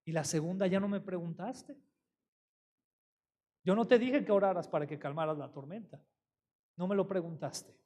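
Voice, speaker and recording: A male pastor voicing God, who speaks gently to a believer. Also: high-pitched, normal speed, pauses often. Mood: gentle.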